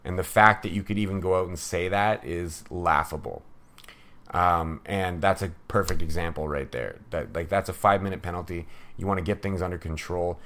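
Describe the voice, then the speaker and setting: Opinionated low-voiced man breaking down hockey. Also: normal speed, a bit bright. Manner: opinionated, sarcastic, with fillers and laughs. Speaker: hockey podcast host. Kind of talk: casual hockey commentary.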